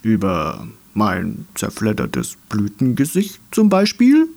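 A man's voice: fairly low pitch, huge pitch swings, takes it slowly, vocal fry, a little mellow, full character voice. A man voicing a cheeky, rowdy male dandelion in a storybook reading, teasing and playful.

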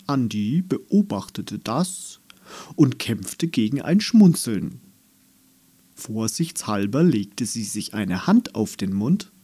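A man narrating a children's story in German, reading in a slow, expressive manner. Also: husky. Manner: slow, expressive, lively pitch.

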